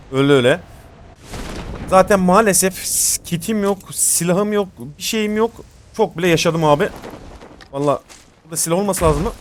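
Young male gamer, high voice, casual slangy live commentary for viewers, slight background noise. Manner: informal, slangy, addresses viewers as friends. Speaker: gaming video host.

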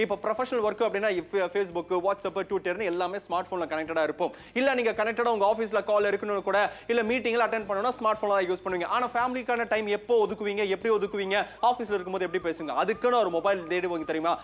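A man with a Tamil accent presenting a teleshopping sales pitch, persuasive and full of rhetorical questions. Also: fast talker, hardly any pauses. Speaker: TV shopping presenter.

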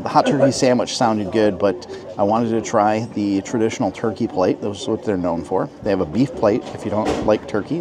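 A man in his forties filming a casual vlog on a handheld phone, chatty and upbeat as he talks to his viewers. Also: mid-range voice. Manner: upbeat, chatty, tells the viewers what he sees. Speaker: travel and food vlogger. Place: outside a restaurant at night, then inside a diner. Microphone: handheld phone camera at arm's length.

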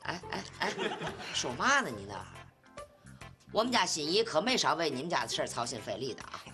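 A woman's voice: sits low, very animated, brisk. An actress playing a nosy family woman, prying with coaxing questions. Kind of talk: TV sitcom acting. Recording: TV drama with background music. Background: background music.

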